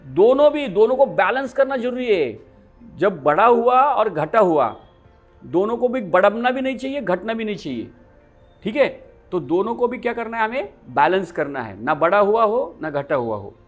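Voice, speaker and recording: A yoga teacher lectures his class in a high, animated voice that swings widely in pitch. He keeps putting questions to the room and answering them himself. Faint music plays behind him.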